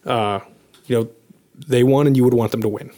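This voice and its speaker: A man's voice: mid-range voice, fairly even intonation, fairly quick, warm tone. A man co-hosting a sports podcast, breaking down results analytically with frequent "um" and "you know" fillers. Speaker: podcast co-host.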